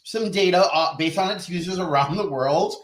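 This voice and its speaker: Casting: playful male quiz host, slightly high voice, casual and bawdy, roomy echo. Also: moderate pace. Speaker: talk show host presenting a quiz. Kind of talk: casual chat, reading out quiz results. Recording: roomy, echoing sound.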